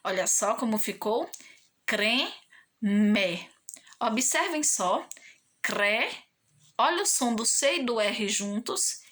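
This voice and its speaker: A woman from Brazil teaching young children in a recorded online lesson, patient and sing-song, often checking in with tag questions and stretching key words slowly. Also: a little high, animated, a bit bright. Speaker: primary school teacher.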